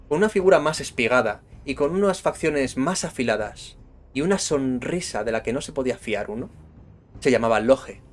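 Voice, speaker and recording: A man with a Castilian Spanish accent narrating a Norse myth with dramatic storytelling. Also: medium pitch.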